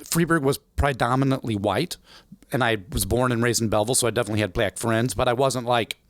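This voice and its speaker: A man in his forties telling a life story as a podcast guest, animated and acting out the voices of people he quotes. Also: mid-range voice, fast talker, no room sound. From United States. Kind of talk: storytelling interview.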